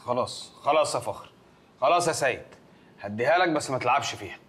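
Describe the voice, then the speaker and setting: A man's voice: mid-range voice, expressive, quick pace, fairly bright tone, lightly acted. An actor playing a know-it-all man who explains strange weapons in a mock-serious, scolding way, with an Egyptian accent. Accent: Egyptian Arabic.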